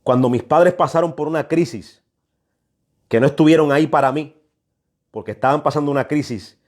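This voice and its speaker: A man from New York, United States, preaches a prophetic sermon of exhortation, emphatic and admonishing, often repeating phrases for weight. His voice is fairly high-pitched, brisk and a little mellow.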